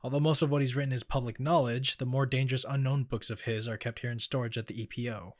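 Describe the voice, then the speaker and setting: An actor playing a calm, knowledgeable male occult expert who explains things in a measured way, also narrating in an audio drama. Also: medium pitch, no echo, clean studio sound, lightly acted. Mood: level.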